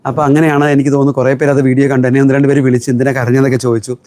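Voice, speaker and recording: A man's voice: medium pitch, little pitch movement, very fast, a little mellow, no room sound. A middle-aged man from Kerala, a shop owner chatting through a live sales stream and answering viewer comments. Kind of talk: live-stream product selling.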